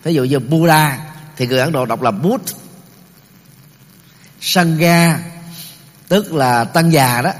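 A middle-aged man giving a Buddhist teaching talk, explaining terms step by step, pausing often and using many fillers. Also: medium pitch. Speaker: Buddhist lecturer. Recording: long reverb of a large hall.

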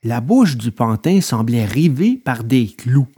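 Expressive male storybook narrator. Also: mid-range voice, slow, breathy edge.

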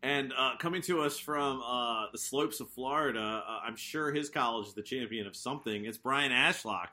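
A man's voice: medium pitch, normal speed, sharp tone. A man with a Baltimore accent hosting a casual sports podcast panel in a wry, joking manner. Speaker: podcast host.

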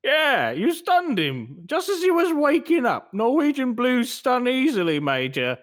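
A man playing a shifty British pet shop owner, stammering, high and swooping. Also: huge pitch swings, a little slow, exaggerated voice. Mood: insisting. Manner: stammering, evasive. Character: evasive English male pet shop owner.

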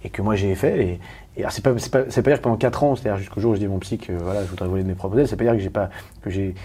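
A man from Paris, a guest talking candidly in an interview, rapid and emphatic with many restarts and questions to the listener. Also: fairly low pitch, warm tone, breathy edge. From Paris, France.

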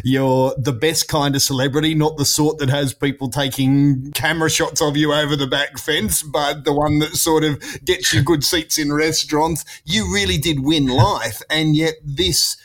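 A man's voice: a little high, steady tone, moderate pace, hardly any pauses. A man hosting an interview, asking long, articulate, plain-spoken questions. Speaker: host.

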